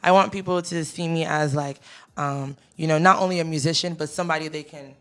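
Speaking briskly in a low, steady-toned voice, a young woman singer originally from Ghana and raised in America takes interview questions in a relaxed way. Fillers such as "um" and "you know" come up often. She's in a teal-backdropped studio, handheld mic close to her mouth.

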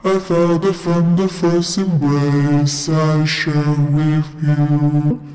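Woman singing through a morphing voice changer. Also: faint music behind. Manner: slow, even, flat singing. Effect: voice changer morphing and shifting the pitch of her singing. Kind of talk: singing along to music. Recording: echoey processed sound from afar.

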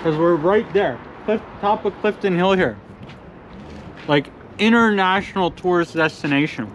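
A man's voice: high voice, unhurried. A man reviewing pizza while chewing, speaking in short enthusiastic verdicts. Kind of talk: casual food review vlog. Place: outdoors by a busy street. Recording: outdoor traffic noise.

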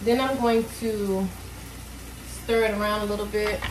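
A woman's voice: mid-range voice, fairly even intonation, normal speed. Woman, 30s, casual home-cook narrator, conversational and unpolished; camera-mic in a reverberant kitchen with frying noise. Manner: chatty, loose, thinks aloud with fillers. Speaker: cooking vlogger. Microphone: camera on the counter. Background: food sizzling in a pan.

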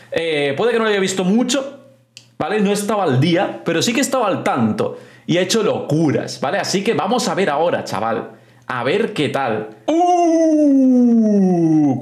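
A streamer with a Spain Spanish accent reacts live and excitedly to a wrestling show, with animated pitch and loud exclamations. He exclaims and swears often and repeats words in bursts, all in an echoey, roomy space.

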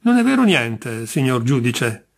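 A man with a husky voice voicing Chiarcaro, a bitter middle-aged man branded a jinx, indignant and insistent in an audiobook reading. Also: medium pitch, big pitch swings, a little slow, full character voice.

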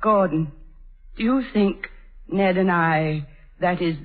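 An actress in a 1930s radio drama plays a tormented middle-aged mother, speaking slowly in a lowish voice. Her delivery is anguished, tearful and theatrical, and the sound is tinny like an old radio broadcast.

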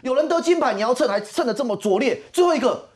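Woman, TV panel commentator, high voice, very animated, mocking. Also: fast. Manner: heated, mocking, rhetorical questions. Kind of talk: political talk show debate. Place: TV studio.

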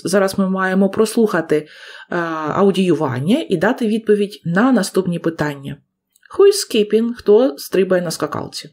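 Hoarse woman teacher, video grammar lesson, slow careful reading of examples, middle pitch. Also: darkish tone. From Ukraine. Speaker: English teacher.

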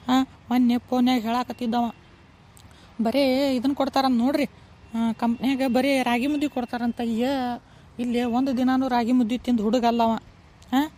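A woman's voice: fairly high pitch, dark tone, close to an everyday voice. Woman doing a nagging village mother. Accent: North Karnataka Kannada. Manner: scolding and nagging. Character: fussy, doting village mother, middle-aged woman. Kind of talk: cartoon voice acting.

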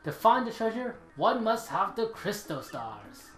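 Excitable bookish old Goomba professor, male, fussy game character played by a man, roomy sound. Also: sits high, a little slow, voice pushed up, full character voice. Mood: lecturing.

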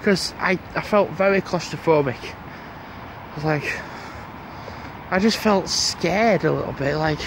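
A man's voice: on the high side, slow, creaky, noisy background. A young man, vlogging as he walks along a street outdoors, rambling to a handheld camera. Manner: rambling, chatty, talks to the camera while walking. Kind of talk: casual walking vlog. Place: outdoors on a quiet street before dawn.

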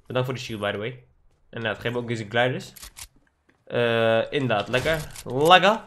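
A young man commentating his own Fortnite match for his channel, excitable and swearing, with English slang mixed in. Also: mid-range voice, moderate pace. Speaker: gaming YouTuber.

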